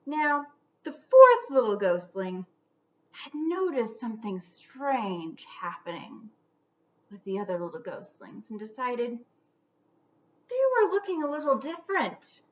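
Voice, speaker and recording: A woman reads a children's storybook aloud with theatrical flair, drawing out words and sinking into hushed whispers to build suspense. Her voice is a little high and sing-song, her pace a little slow, and the recording sounds muffled.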